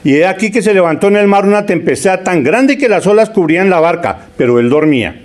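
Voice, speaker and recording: Preacher, male, slightly high voice, chatty sermon style with frequent repeats. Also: expressive, darkish tone. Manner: conversational preaching with frequent "¿sí?" checks and word repetitions; reads scripture aloud, stretching key phrases slowly.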